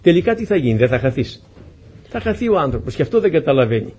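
A man's voice: fairly high pitch, sing-song, a little mellow, breathy edge. A man preaching a sermon to his congregation, earnest and pleading, often asking them questions.

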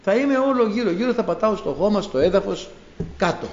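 Male preacher, high voice, swooping lively delivery, acts out scenes; echoey, dull lo-fi recording. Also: a little hiss or hum. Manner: animated storytelling, acting out biblical scenes. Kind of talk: sermon. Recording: echoey room, dull lo-fi sound.

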